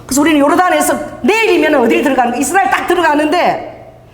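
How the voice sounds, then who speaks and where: A middle-aged woman pastor preaching a sermon, telling stories with strong emotion and sudden high cries. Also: quick pace. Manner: emotional storytelling, shifts into high cries and laughter. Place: church sanctuary. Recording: long reverb of a church hall.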